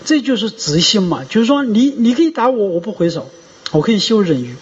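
Man preaching, high husky voice, lively rises and falls, dull lo-fi sound. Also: a little fast. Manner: storytelling, animated, rhetorical questions. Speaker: Buddhist monk teaching. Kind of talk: sermon. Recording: dull lo-fi recording.

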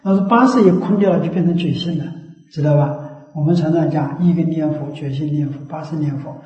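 A man's voice: on the high side, a little fast. A man giving a Buddhist dharma talk, emphatic and repetitive, often asking his listeners rhetorical questions. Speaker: Buddhist teacher. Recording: echoey, dull lo-fi recording.

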